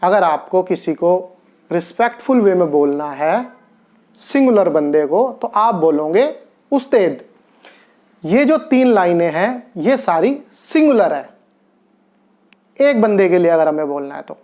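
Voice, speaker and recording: Male language tutor, unhurried grammar lesson, repeats key words for learners. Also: sits high, very animated, mellow. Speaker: Spanish teacher. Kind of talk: grammar lesson explained step by step.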